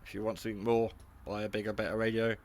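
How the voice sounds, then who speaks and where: Talking very fast in a fairly low, flat voice, a hobby radio reviewer works through a casual, unscripted product review. He rambles a little but stays matter-of-fact and modest about his own expertise.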